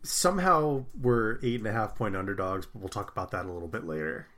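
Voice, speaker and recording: A man's voice: on the low side, fairly quick, sharp tone. A man co-hosting a casual sports podcast, wry and self-deprecating. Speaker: podcast co-host.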